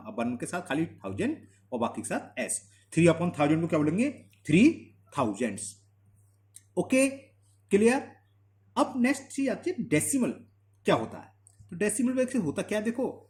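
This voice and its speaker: A man teaching a maths lesson, mixing Hindi with English terms, asking and answering his own questions and slowing down to dictate definitions. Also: fairly high pitch. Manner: slows to dictate definitions word by word. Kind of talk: classroom lesson explanation.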